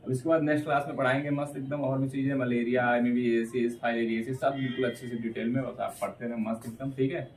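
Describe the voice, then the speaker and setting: A man's voice: mid-range voice, flat delivery, far from the mic. Man lecturing biology in a roomy space. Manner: repeats "theek hai" constantly, drills key terms; reads English textbook phrases slowly, word by word. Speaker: biology teacher. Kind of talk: exam-prep lecture. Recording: roomy, from off the mic, faint room hum.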